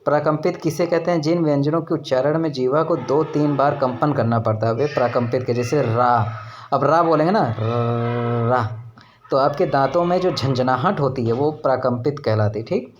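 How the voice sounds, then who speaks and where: A male teacher giving an online exam-prep lesson on grammar. He explains slowly, sounds out syllables to demonstrate them, and keeps checking in with "right?". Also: on the high side, highs cut off, slight background noise. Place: rented room with children shouting nearby.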